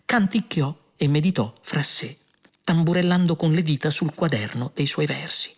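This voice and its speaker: A man reading a comic science-fiction novel aloud as a steady storybook narration. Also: a little high, moderate pace, husky. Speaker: audiobook reader.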